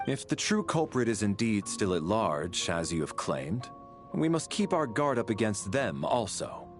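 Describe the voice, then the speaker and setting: A stern guard from a fantasy game. His voice sits on the low side, formal and measured, with faint music behind it. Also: big pitch swings. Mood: grave, businesslike. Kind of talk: game voice acting.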